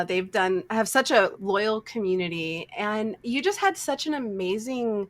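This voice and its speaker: A woman's voice: mid-range voice, fairly bright tone. A woman hosting a conference fireside chat as a games editor, enthusiastic and upbeat.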